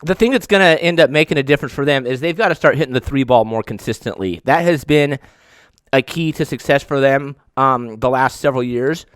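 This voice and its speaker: A man's voice: mid-range voice, clean tone, no echo. Struggling man, mouth burning from spicy food. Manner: halting, stammering. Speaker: sports editor, guest. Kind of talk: casual sports talk.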